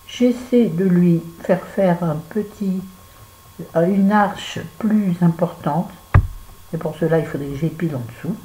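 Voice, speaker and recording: A woman's voice: fairly low pitch, unhurried, noisy background. A French woman chatting casually through a make-up tutorial, talking to viewers and to herself as she works. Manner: chatty, talks to herself while working. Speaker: beauty vlogger.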